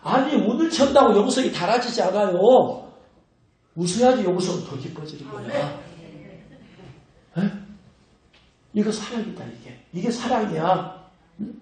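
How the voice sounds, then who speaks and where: A man preaching in a high, lively voice that swings up and down as he scolds and teases his listeners. The sound rings through a very echoey church hall. He talks straight at the congregation, like a pastor who knows them well. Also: normal speed, pauses often. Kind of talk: sermon. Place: church sanctuary.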